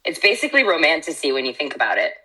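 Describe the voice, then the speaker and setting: A frank, blunt woman chats casually on a podcast. She laughs easily, and her low voice has a bright, forceful edge. She is heard secondhand, played out of laptop speakers and caught again by the laptop's own mic. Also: sing-song, rapid-fire, low-quality recording. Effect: voice played through laptop speakers from earbuds and re-recorded by a laptop mic. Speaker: podcast co-host. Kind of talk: casual chat.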